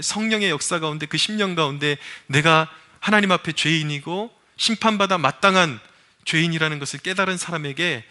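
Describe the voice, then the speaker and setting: A man preaches with fervent, exhorting urgency, his voice sitting high and cutting with a sharp, forceful edge. He keeps calling out directly to the congregation and pressing them toward a decision. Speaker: pastor. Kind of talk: sermon. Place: church service.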